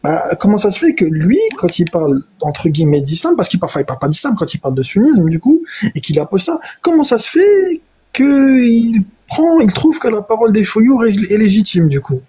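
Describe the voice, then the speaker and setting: A man's voice: high voice, big pitch swings, dark tone, husky. A man debating in a heated live online debate, arguing insistently, often restarting his sentences and citing verses again and again. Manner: argumentative, insistent, cites verses repeatedly; halting, with many restarts. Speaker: debate participant.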